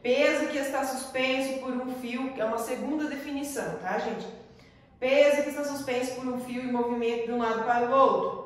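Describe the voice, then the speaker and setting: A woman's voice: sits high, steady tone, fairly quick. A Brazilian woman teaching a school lesson, explaining patiently and often checking in with her class. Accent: Brazilian Portuguese. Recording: echoey room, voice from far off.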